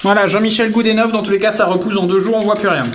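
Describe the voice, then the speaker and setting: Young man, twenties, streamer, quick casual talk, noisy background. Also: high-pitched, steady tone. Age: 20s. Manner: chatty, reading chat aloud while shaving. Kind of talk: casual live-stream chat. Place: bathroom at home.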